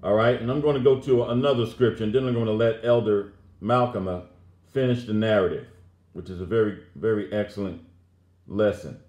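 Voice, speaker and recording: A man with a low voice preaches a Bible lesson with emphasis. He reads scripture aloud and breaks in to comment on it. The recording has a roomy echo. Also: brisk, a little mellow. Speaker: religious teacher.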